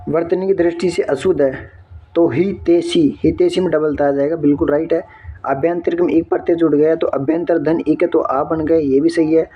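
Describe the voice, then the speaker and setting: A man's voice: on the high side, steady tone, fairly quick, breathy edge, highs cut off. A man working through an exam answer key step by step, often checking in with his viewers. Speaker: exam tutor.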